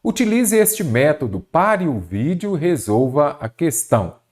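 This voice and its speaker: A man's voice: a little high, measured pace. A man teaching an online exam-prep lesson, talking straight to viewers and often checking in with "ok?". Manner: animated, addresses viewers directly, repeats "ok?" and "observe". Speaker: Portuguese teacher.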